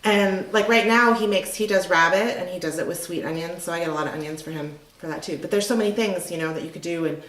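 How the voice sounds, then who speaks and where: A middle-aged woman with a slightly low voice chats casually about her restaurant, rambling along with plenty of ums and you knows. The room around her is echoey. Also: quick pace, hardly any pauses, a bit bright. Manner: chatty, rambling, lots of fillers. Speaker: restaurant owner. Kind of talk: casual interview conversation.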